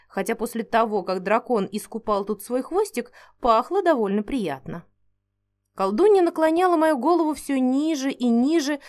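Woman narrating a story, slightly high. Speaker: audiobook narrator. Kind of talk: scripted first-person narration.

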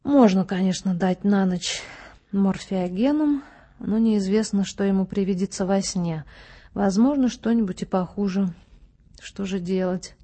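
Woman reading a calm, patient doctor. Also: medium pitch, natural voice. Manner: measured, explaining, unhurried. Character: calm, patient male doctor, head of asylum.

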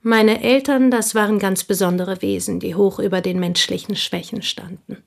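Playing a possessive, intense village schoolteacher in a German radio drama, the actress confides with deliberation, frequently sinking toward a whisper. Her medium-pitched voice is gravelly with fairly even intonation, and the mood is reflective and hushed.

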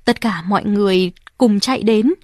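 A woman narrating a novel as an audiobook reader, in steady, expressive storytelling. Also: mid-range voice, moderate pace, no room sound, studio quality. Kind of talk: scripted narration.

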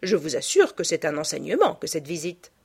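A woman's voice: deep voice, very animated, fairly quick, slightly rough, full character voice. A woman voicing a pompous male politician who lectures with self-assurance. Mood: lecturing. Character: pompous radical male politician, stuffy and earnest.

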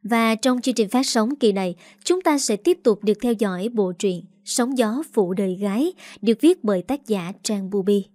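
A woman hosting and narrating an audio story in a smooth, measured manner. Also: mid-range voice, dry recording, studio quality. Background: soft background music.

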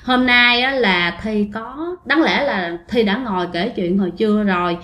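A woman's voice: medium pitch, animated, measured pace, pushed and bright. A woman narrating ghost stories in a chatty, casual way, often speaking straight to her listeners. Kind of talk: casual spoken storytelling. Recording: roomy echo.

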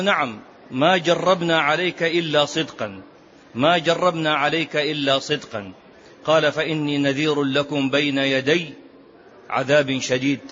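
A man's voice: fairly high pitch, a bit bright. A man teaching a religious lesson on prophetic biography, reciting narrations emphatically and repeating key phrases. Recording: dull lo-fi lecture recording.

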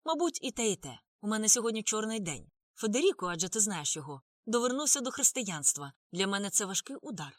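A woman reads as a talkative Frenchman with a drawling, theatrical way of speaking, his lines rising and falling with lively melody. The voice sits close and dry, with no room sound. An audiobook scene at a restaurant table. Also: mid-range voice, fast, few pauses, no echo, voice pushed up. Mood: wistful. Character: talkative witty Frenchman, middle-aged.

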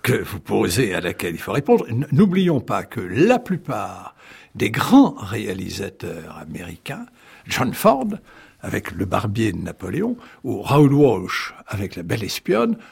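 Gravelly, very husky male historian. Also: on the low side, measured pace. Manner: animated storyteller, wry asides and restarts. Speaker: historian guest. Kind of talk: radio interview, explaining at length.

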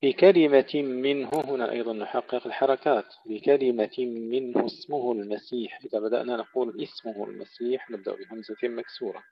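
A man teaching Quran recitation in a tajweed lesson, moving between slow melodic recitation of verses and brisk explanations of pronunciation rules. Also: medium pitch, fairly even intonation, lo-fi sound, slight background noise.

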